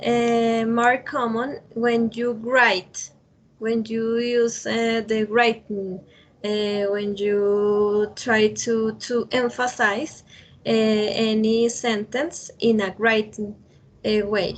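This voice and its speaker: A woman teaching an English grammar class over a video call, speaking haltingly with many fillers and restarts. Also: a little high, flat delivery, poor audio. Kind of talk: online class lecture.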